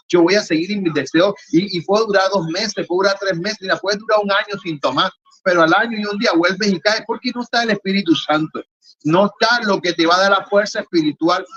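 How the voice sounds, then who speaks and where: A man's voice: high voice, a bit bright. A man preaching a sermon as pastor, driving his points home in long repeated lists. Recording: dull lo-fi recording with faint ambience.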